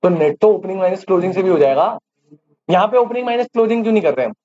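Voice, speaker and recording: A man's voice: sits high, animated, very fast, dark tone. A man teaching commerce to a live class. He keeps quizzing the students and repeats the key terms back to them. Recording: dull lo-fi audio with faint hiss.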